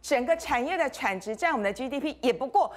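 A woman's voice: high voice, expressive, fast. A woman with a Taiwanese Mandarin accent hosting a studio current-affairs talk show, emphatic and full of rhetorical questions.

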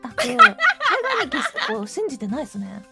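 A woman hosting a lively stream chat, excitable and laughing often, switching between Japanese and English. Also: very high-pitched, moderate pace, gravelly, over loud music. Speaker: streamer host.

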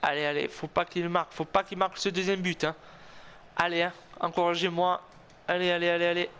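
Man, high voice, casting note: excitable gamer commentating his own football match, tense and repetitive, faint hiss behind. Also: a little fast. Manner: tense, excitable, cheering himself on, repeating words. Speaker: gaming video host. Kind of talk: excited self-commentary of a football video game.

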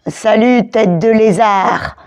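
A woman voicing a big bullying boy dinosaur in a storybook, mocking and slow. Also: medium pitch, a little mellow, clean tone. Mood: sneering.

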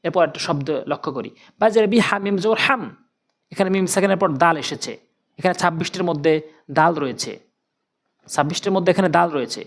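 A Quran recitation teacher giving a step-by-step tajweed lesson, spelling out letters and vowel marks syllable by syllable, then repeating the joined sounds slowly and drilling them again and again. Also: mid-range voice. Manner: patient, repetitive drilling with questions and answers.

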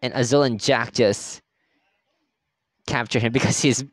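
A man's voice: mid-range voice, fairly even intonation, a little slow, no room sound, clean studio sound. A man streaming a story game, chatting through the playthrough, reacting aloud and laughing often. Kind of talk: casual game playthrough commentary.

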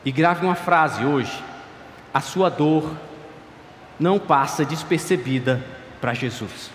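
Speaking into a clear stand mic at the pulpit, this thirty-something pastor pleads passionately through his sermon, sometimes lowering to quiet asides. He sounds on the high side and takes his time. The echoey church hall on its large, dark stage carries faint ambience and a little hiss or hum.

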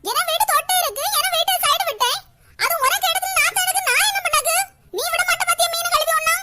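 Woman voicing a squeaky quarrelsome village woman. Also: bright, forceful tone, a little hiss or hum, heavily acted. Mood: indignant. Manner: scolding, sarcastic, rapid complaints. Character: loud quarrelsome village woman, sharp-tongued. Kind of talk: animated cartoon voice acting.

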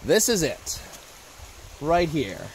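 A man's voice: on the high side, big pitch swings, slow, slight background noise. Chatty young man touring woods. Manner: upbeat, chatty, joking. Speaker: vlogger giving a tour. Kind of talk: casual walking tour. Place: outdoors in woods by a creek. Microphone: handheld camera at arm's length.

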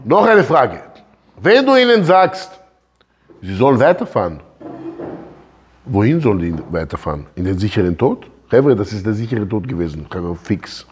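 A man teaching a religious lesson as a rabbi, animated and often putting questions straight to his listeners. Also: lowish voice, moderate pace, breathy edge. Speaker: rabbi teaching a Torah class.

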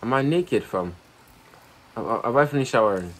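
Excitable slangy man narrating gameplay. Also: mid-range voice, normal speed, slight background noise, poor audio. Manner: excitable, swearing, slangy, thinks aloud. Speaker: gamer playing a horror game. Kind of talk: casual gameplay commentary.

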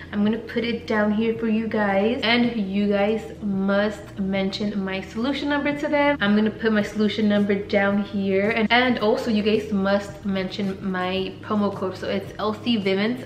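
A woman vlogging at home in a casual, chatty way, talking straight to her viewers. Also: mid-range voice. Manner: chatty, addresses viewers as "you guys". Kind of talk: casual vlog chat with sponsor read. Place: home room. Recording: echoey room.

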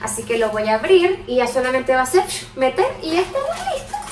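A woman's voice: high-pitched, big pitch swings, fairly quick, very noisy. A young woman, chatting and laughing while she vlogs a move into an empty apartment on a handheld phone. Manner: chatty and bubbly, laughing often. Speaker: vlogger. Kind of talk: casual vlog chat to camera. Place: empty new apartment, echoey rooms indoors. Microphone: handheld phone camera at arm's length. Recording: echoey empty room with music under.

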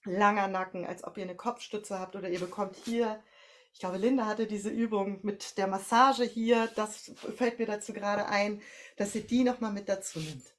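A voice coach, a woman with a German accent, leads a breathing and posture drill at a medium pitch. Her delivery is slow and calm, moving through the instructions step by step.

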